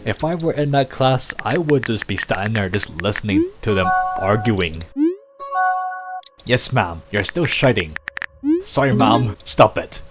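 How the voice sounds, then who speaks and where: A man's voice: lowish voice, lively intonation, unhurried, poor audio. A man reading a texting story aloud, voicing each character in turn and adding his own running comments. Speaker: reader of a texting story video. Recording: loud music bed behind the voice.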